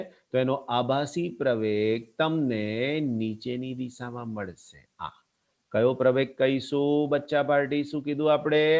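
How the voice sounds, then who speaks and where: Man, physics teacher, lively lecture, asks and answers his own questions, slightly dull recording. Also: mid-range voice. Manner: animated, talks warmly to students as kids. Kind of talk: classroom lecture.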